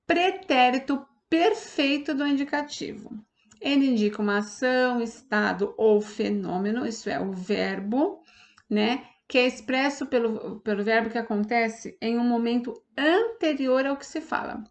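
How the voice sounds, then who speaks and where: A woman's voice: fairly high pitch, unhurried. A woman teacher with a Brazilian Portuguese accent, patiently explaining a lesson step by step and often checking that students follow. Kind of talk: online class lesson.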